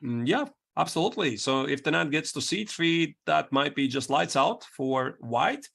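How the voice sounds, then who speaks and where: A man's voice: a little high, expressive, moderate pace, vocal fry, a bit bright. A man co-commentating on chess, thinking aloud in conversational analysis as he explains moves step by step.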